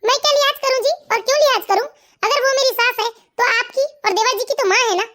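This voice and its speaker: A woman's voice: very high voice, fairly bright tone. A woman voicing a defiant young wife. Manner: blunt, defiant retorts. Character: fed-up young daughter-in-law wife. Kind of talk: animated cartoon voice acting.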